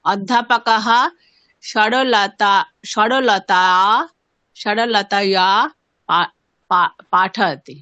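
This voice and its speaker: A woman student answers her teacher, hesitantly sounding out each word at a slow pace. The recording is dull and lo-fi, with a dry, close sound. She speaks carefully, as if still working the answer out. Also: medium pitch, bright, forceful tone, dry recording. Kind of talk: answering in class.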